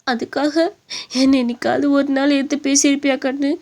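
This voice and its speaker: A woman voicing a bitter, scolding middle-aged mother-in-law in an animated story, accusing and sobbing as she talks. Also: sits high, a little fast. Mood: wailing, accusing.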